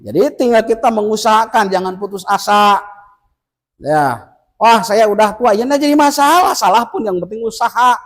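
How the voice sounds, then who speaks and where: A man teaching tajwid to a group of village men, explaining rules patiently and chanting examples slowly. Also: sits high, expressive, fairly bright tone, low-quality recording. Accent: Indonesian. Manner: patient and instructive, chants verses slowly to demonstrate. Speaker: Quran recitation teacher. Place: village study gathering indoors.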